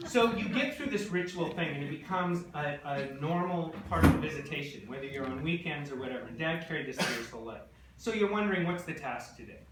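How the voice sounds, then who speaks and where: A man in his forties from British Columbia, Canada, tells a rambling comic story full of digressions and asides to a live audience in a hall. His voice is on the high side, expressive and quick, picked up by a distant mic in an echoey hall with loud noise.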